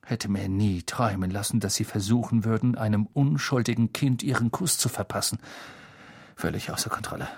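A man's voice: on the low side, steady tone, brisk, a little mellow, breathy edge, no room sound, studio quality. A man reading an audiobook, voicing a flustered, fretful middle-aged male official.

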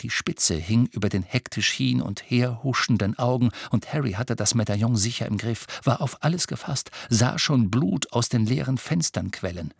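A man reading an audiobook in a measured, expressive way. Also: medium pitch, vocal fry, slightly rough, no echo, clean studio sound. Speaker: audiobook narrator. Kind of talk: scripted narration.

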